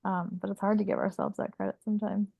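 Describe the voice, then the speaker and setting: A woman's voice: medium pitch, flat delivery, quick pace, gravelly, slightly rough, no echo. A woman guest on a podcast, talking candidly and reflectively about hard choices. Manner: candid, reflective, gently self-encouraging. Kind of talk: casual podcast chat. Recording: tinny phone-line audio.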